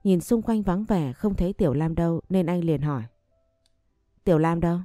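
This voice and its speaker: A woman narrating a first-person audio story in a calm, even reading. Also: fairly low pitch, brisk, no echo, studio quality, soft background music.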